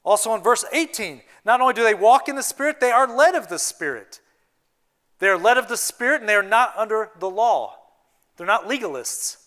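High-pitched guy preaching, bright sharp voice, goes quiet then hits hard, church sermon. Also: lively intonation, a little fast. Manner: earnest preaching, swinging between hushed and emphatic. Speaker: youth pastor. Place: church sanctuary.

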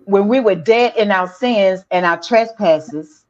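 Female preacher, measured declarative delivery, muffled lo-fi sound. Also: mid-range voice. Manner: slow declarative call and response. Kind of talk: sermon.

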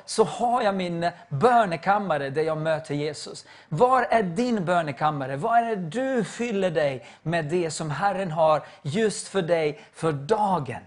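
A middle-aged man preaching a sermon, telling stories emphatically and acting out the quotes he tells. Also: a little high. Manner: emphatic, storytelling with acted quotes.

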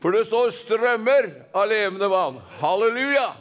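A man's voice: sits high, lively intonation, fairly bright tone. A man from Norway preaching a fervent Pentecostal sermon, rhythmic and calling for responses from the congregation.

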